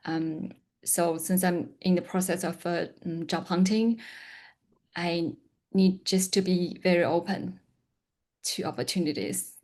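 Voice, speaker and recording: A woman from outside the US sharing in an online group, soft-spoken and hesitant, with many pauses and fillers. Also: lowish voice, steady tone. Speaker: workshop participant.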